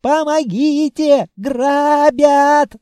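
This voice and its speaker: A man voicing a panicky male shopkeeper with a shrill, squealing voice. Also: steady tone, very slow, mellow, no room sound, exaggerated voice. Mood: panicked shrieking. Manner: screaming for help in panic.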